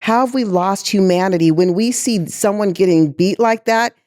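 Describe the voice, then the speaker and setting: A woman's voice: medium pitch, normal speed, a little mellow, dry recording, studio quality. A woman guest in an interview who speaks with passion, asks rhetorical questions and sighs heavily. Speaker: guest executive.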